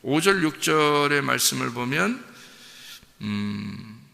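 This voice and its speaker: A man's voice: mid-range voice, animated, slow pace, vocal fry, pushed and bright. A male pastor giving a sermon, talking with the congregation and firing rhetorical questions at them. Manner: conversational preaching with many rhetorical questions to the congregation; acts out a parent's voice in quotes. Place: church sanctuary. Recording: long reverb of a church hall.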